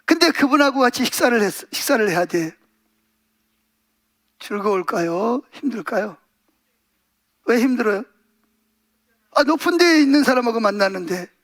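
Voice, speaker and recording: A man preaching a Sunday sermon as pastor, animated, acting out little scenes and putting questions to the congregation. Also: very high-pitched, normal speed, pauses often. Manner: animated, acts out voices and asks the congregation questions.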